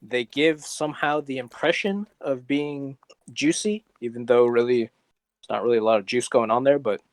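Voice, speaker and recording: A podcast co-host, a man with an ordinary mid-range pitch, chats casually at a moderate pace, giving long, rambling explanations in a dry, deadpan manner. The audio is close and dry, without any room echo.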